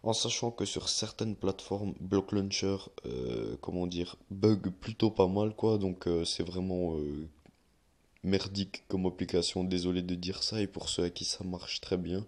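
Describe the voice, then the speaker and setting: A young man with a very low, deep voice talks viewers through a phone tutorial in a loose, unscripted way. He rambles, hesitates with fillers, and corrects himself as he goes. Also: measured pace, darkish tone. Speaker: YouTuber giving a tutorial. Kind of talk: casual screen-recorded tutorial.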